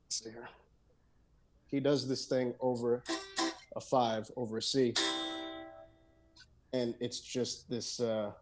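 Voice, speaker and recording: A man's voice: mid-range voice, flat delivery, slow, long pauses, a little mellow, faint music behind. A man guesting on a podcast, talking in a loose, rambling way with lots of fillers, restarts and "dude". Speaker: guest guitarist and songwriter. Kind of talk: casual podcast conversation.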